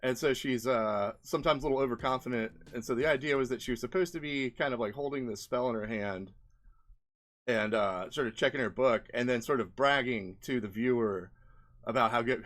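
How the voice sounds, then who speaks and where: An indie game developer rambles through a casual screen-share, thinking aloud as he shows off his experiments. His voice sits in the mid range, fairly bright, and he talks fairly quickly.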